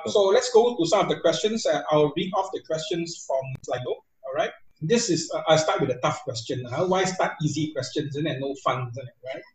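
A male moderator runs a webinar, teasing the panelists and hesitating with fillers. His fairly high voice sounds distant, with a roomy echo. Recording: roomy, distant video call mic.

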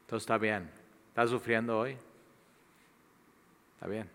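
A man preaching a sermon and leading a closing prayer, repeating words for emphasis and dropping from loud to hushed. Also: fairly low pitch, a little slow. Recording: long reverb of a large hall.

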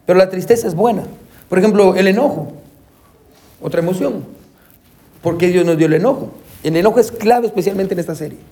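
A man's voice: high voice, fairly quick, pauses often, mellow. A man teaching a Sunday school lesson as a counselor, calling listeners brother and saying amen often, with English terms mixed in. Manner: addresses listeners as brother, frequent amens; acts out quoted voices, mixes in English terms.

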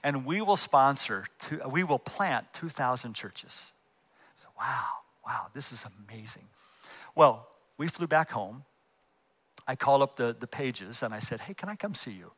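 An earnest man delivers a sermon in a church, moving from story into prayer. His voice has a bright, forward edge, and he drops to a hushed voice as he prays. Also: medium pitch, animated, a little slow, slightly rough. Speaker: missions leader preaching. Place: church sanctuary.

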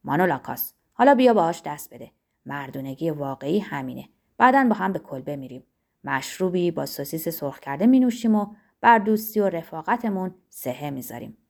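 A woman's voice: low voice, expressive, vocal fry, a little mellow, voice pushed down, heavily acted. A woman doing a stern peacemaking man. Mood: stern coaxing. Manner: firm, coaxing, reasoning.

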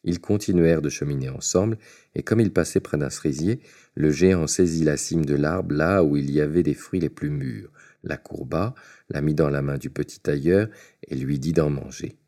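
Brief: male storyteller reading a fairy tale, very deep, mellow, measured.

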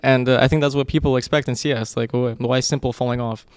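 A man guesting on a podcast, giving measured views in casual chat with frequent fillers. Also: mid-range voice, fairly even intonation, smooth, no room sound. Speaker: guest, pro player.

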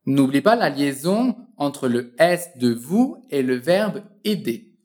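Low-voiced woman teaching French with animated intonation. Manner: encouraging, slow and precise drilling. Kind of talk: language lesson with repeat-after-me drills.

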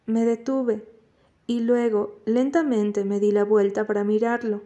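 A woman reading a novel aloud in first person as an audiobook narrator, at a steady, measured pace. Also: fairly high pitch.

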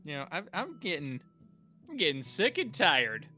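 A man's voice: fairly high pitch, wildly swooping pitch, normal speed, bright, forceful tone, soft background music. A man co-hosting a podcast in casual chat, joking, laughing often and breaking into bits of show tunes. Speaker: podcast co-host.

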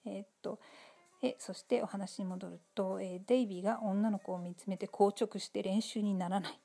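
Gravelly, mellow woman commenting casually. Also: medium pitch, moderate pace. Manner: relaxed, many fillers, polite chatty tone. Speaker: episode commentator.

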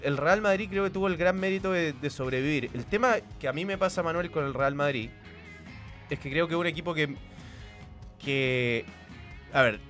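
A man's voice: fairly high pitch, a bit bright. A man co-hosting a football podcast, talking through a past match in a casual, analytical way with many restarts. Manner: analytical, thinks aloud with restarts.

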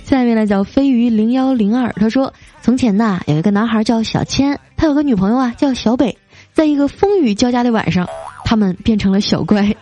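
Playful higher-voiced woman host, mellow tone. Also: brisk, lo-fi sound. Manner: playful, teasing, reads jokes with light voiced quotes. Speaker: podcast host reading listener comments. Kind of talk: casual chat. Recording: soft music behind.

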